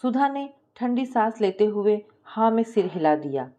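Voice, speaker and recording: A woman storyteller reads a scripted domestic tale, voicing the dialogue within her narration. Her mellow, easy-on-the-ear voice sits at an average female pitch, very animated yet at a measured pace, and the recording has its highs cut off.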